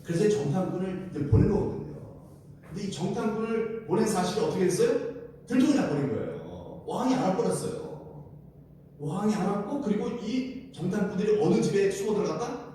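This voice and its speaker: A man preaching a sermon as pastor at a midweek prayer service, animated, asking the congregation questions and acting out the scenes he describes. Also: high voice, fairly quick, very echoey, distant mic, slight background noise.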